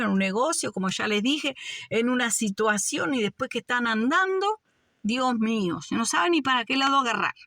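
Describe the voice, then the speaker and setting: A woman's voice: a little high, pushed and bright, no echo, clean studio sound. A woman preaching a fervent sermon, often calling her listeners beloved brothers. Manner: fervent, addresses "amados hermanos" often.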